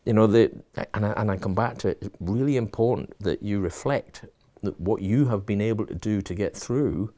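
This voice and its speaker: A middle-aged man who leads a college offers thoughtful advice in a casual, reflective interview, often restarting and repeating words. His voice sits on the low side, mellow, at a moderate pace with hardly any pauses.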